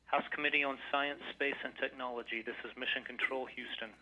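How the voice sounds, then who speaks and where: Crisp mission-control man over radio. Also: medium pitch, fast, a little hiss or hum, rough recording. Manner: crisp, clipped, even-toned radio announcing. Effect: radio transmission from mission control. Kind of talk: formal radio call procedure.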